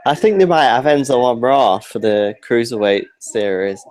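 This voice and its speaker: A man's voice: medium pitch, expressive, normal speed, darkish tone. A man co-hosting a live reaction stream in casual chat, laughing often and teasing his friend.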